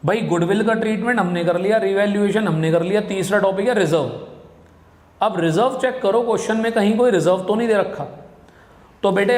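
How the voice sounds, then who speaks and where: A man teaching a commerce class, explaining step by step, calling his students "beta" and putting questions to them. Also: high voice. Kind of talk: classroom lecture. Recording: echoey classroom with long reverb.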